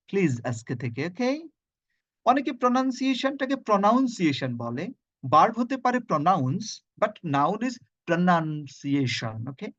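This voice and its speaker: A man's voice: high voice, no echo, lo-fi sound. A middle-aged man with a Bangladeshi accent, teaching pronunciation in an online lesson and drilling words sound by sound. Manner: repeats words slowly in drills, spells out sounds. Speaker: phonetics lecturer. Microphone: video call.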